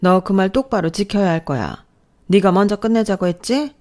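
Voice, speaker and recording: A woman's voice: medium pitch, normal speed, warm tone, lightly acted. Woman voicing a scornful older mother-in-law. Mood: scornful scolding. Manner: contemptuous, scolding.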